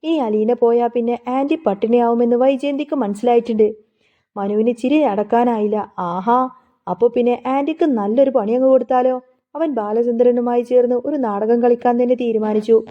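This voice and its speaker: Woman storyteller, dramatic, emotive, fairly high voice, phone-like sound. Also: fairly even intonation, moderate pace. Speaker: narrator. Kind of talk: storytelling serial recap.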